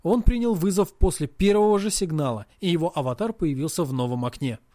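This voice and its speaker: A man narrating a novel in the first person as an audiobook reader, in a steady storytelling manner. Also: a little high, brisk, dry recording, studio quality.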